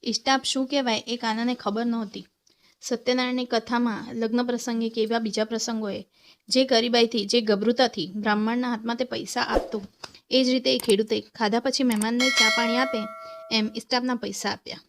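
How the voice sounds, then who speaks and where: A woman's voice: a little high, flat delivery, brisk, a little hiss or hum. A woman storyteller reading a short story aloud and voicing each character's lines.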